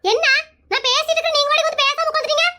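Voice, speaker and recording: A performer voicing a bold, sharp-tongued village wife in an animated comedy cartoon, answering back with quick defiant comebacks. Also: very high voice, exaggerated voice.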